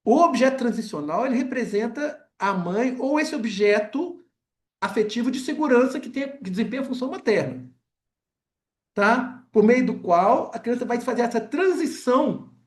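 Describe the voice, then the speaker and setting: An academic lecture comes from a man whose pitch is extremely high and whose accent is Brazilian. He stops often, bridging the silences with little filler words and tag questions.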